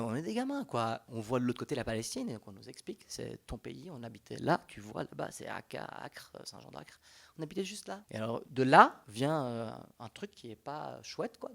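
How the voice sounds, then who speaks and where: Medium in pitch and touched with vocal fry, a young man's voice carries a Belgian French accent as he speaks on a public panel. He's animated and conversational, repeatedly restarting his sentences.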